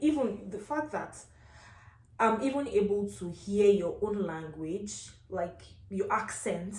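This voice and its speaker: In an echoey, reverberant room, a Nigerian-accented woman vlogs a casual story as an exasperated, emphatic rant, repeating phrases for effect. Her voice is mid-range and a little mellow.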